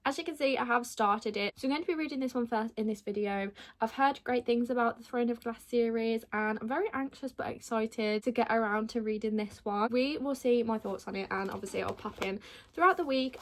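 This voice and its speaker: A woman's voice: a little hiss or hum, poor audio. A young woman chatting casually in a reading vlog, upbeat and full of fillers. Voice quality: slight lisp from a retainer. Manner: quiet, low-key late-night talk; hushed, near-whispered. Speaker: book vlogger.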